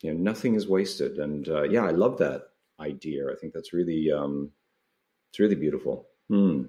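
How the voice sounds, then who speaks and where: Deep-voiced Australian man with a laconic drawl. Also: normal speed, mellow. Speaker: interview guest, writer. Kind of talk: reflective conversation.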